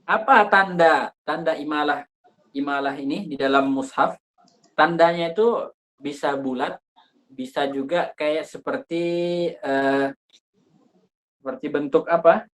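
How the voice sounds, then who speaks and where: A man leads a recitation lesson in a relaxed, chatty way. He searches for words aloud and breaks into sung examples of how the vowels should sound. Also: on the high side, unhurried, pauses often. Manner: informal, thinks aloud with fillers, demonstrates vowel sounds. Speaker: Quran recitation teacher. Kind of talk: explaining recitation rules in a class.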